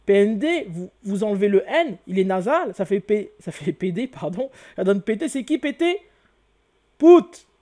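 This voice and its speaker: Very animated and barely pausing, this channel host delivers a hieroglyphs video lesson at a moderate pace in a high, darkish voice. He leads the viewer step by step, exclaiming often, repeating key words, and answering the questions he puts to the listener.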